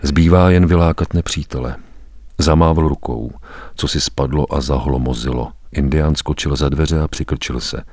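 Deep, husky dramatic storybook narrator, a man. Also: steady tone, a little mellow, no echo, clean studio sound, faint music behind. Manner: grave, measured storytelling with weighty pauses.

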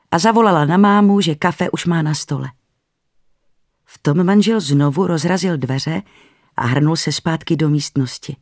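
A narrator reading a spooky family story in an even, measured way. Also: medium pitch, no echo, clean studio sound.

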